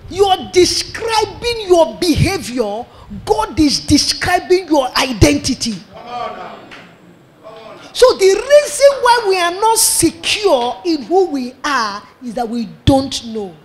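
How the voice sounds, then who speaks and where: A man with a Nigerian accent preaching a sermon in an animated way, acting out little dialogues. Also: extremely high pitch, slow pace. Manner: animated, acts out dialogue in pidgin.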